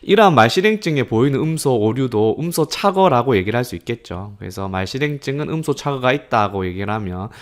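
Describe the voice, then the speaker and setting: A man's voice: mid-range voice, animated, quick pace, few pauses. A man lecturing on speech disorders, explaining each point step by step and acting out patients' speech errors aloud, with frequent fillers.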